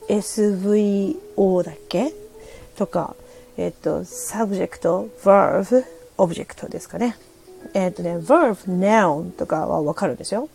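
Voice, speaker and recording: A woman's voice: medium pitch, gravelly, darkish tone, faint music behind. A middle-aged woman from Japan hosting a casual solo radio chat, hesitant and laughing, reading listener comments. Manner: chatty, laughing, hesitant, switching between Japanese and halting English. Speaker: podcast host. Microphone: phone or desk mic on a streaming app.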